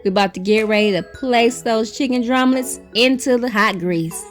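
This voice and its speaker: A woman's voice: a little high, normal speed. A woman chatting casually as host of a food vlog. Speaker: mukbang host. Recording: music under the voice. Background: background music.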